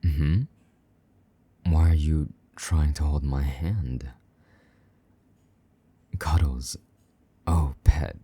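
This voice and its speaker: Playing a possessive, jealous vampire knight for an intimate audio roleplay, a man keeps to a low murmur that sinks into soft whispers, teasing and a touch gruff. His intonation stays fairly even, words are drawn out, and he pauses often in a heavily acted, tender delivery.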